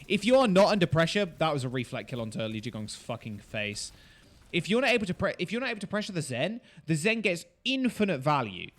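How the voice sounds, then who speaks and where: Man, esports streamer, casual replay commentary, frequent swearing, excitable, medium pitch. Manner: swears often, excitable reactions.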